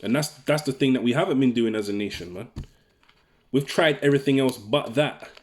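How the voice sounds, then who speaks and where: Male preacher, casual street-style delivery, mid pitch, reads scripture aloud. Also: brisk, a little mellow, a little hiss or hum. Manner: conversational, keeps tagging lines with "man" and "right?". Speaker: religious teacher. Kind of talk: informal preaching with scripture readings.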